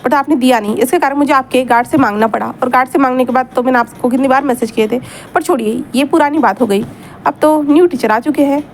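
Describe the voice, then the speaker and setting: Woman doing a high-voiced young student, pleading, protesting. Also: fast talker, slight background noise. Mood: sulky. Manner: pleading, repeats "sir" often.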